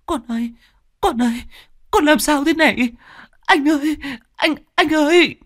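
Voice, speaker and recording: A man's voice: extremely high pitch, unhurried, a bit bright, no echo, studio quality, pitched above the performer's own voice. A man doing a wailing frightened mother. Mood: panicked. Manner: wailing, panicked cries. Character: terrified young village mother.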